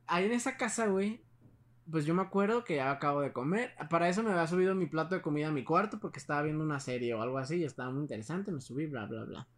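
Chatty young Mexican guy, slightly high. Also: very fast. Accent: Mexican Spanish. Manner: rambling, full of slang and restarts. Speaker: storyteller. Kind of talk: casual chat, telling a ghost story.

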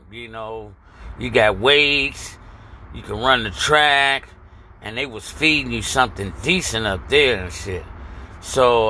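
Older guy telling his story, cussing a lot, bright forceful voice, faint hiss behind. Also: mid-range voice. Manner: blunt, profane street talk with many restarts. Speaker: storyteller recounting his past. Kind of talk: casual spoken memoir.

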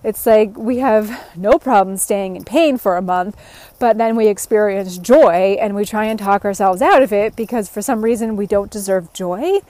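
A woman talking into her phone while walking a trail outdoors, reflecting earnestly and laughing softly now and then. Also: medium pitch, normal speed, no echo. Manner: earnest, musing, with frequent soft laughs. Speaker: podcast host. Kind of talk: reflective walk-and-talk monologue. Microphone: phone held while walking.

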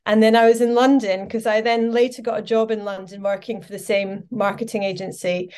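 Her voice is medium in pitch, steady, a bit fast and darkish: a woman from Scotland in her forties appearing as a podcast guest. She chats casually in the interview, sharing her story with lots of fillers.

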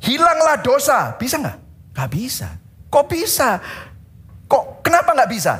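A man preaching a sermon as pastor, animated, moving between loud calls and hushed words and acting out quotes. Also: very high voice, a little slow.

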